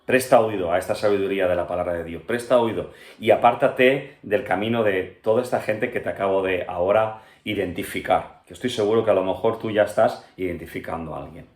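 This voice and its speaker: A pastor from Spain with a Spanish accent, teaching an earnest Bible-study sermon that speaks straight to the listener and keeps checking in with him. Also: male voice, deep voice, fairly quick, hardly any pauses, darkish tone, echoey room. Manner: earnest, addresses listener directly with frequent "¿vale?" and "¿verdad?".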